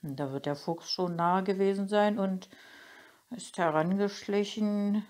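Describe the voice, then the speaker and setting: A woman narrating a children's storybook in a gentle, unhurried way. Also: medium pitch. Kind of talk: storybook reading.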